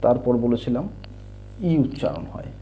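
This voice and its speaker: A man teaching English sounds in a slow explanatory lesson, spelling out letters and patiently repeating each word. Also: mid-range voice, expressive, dark tone, a little hiss or hum. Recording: dull lo-fi recording.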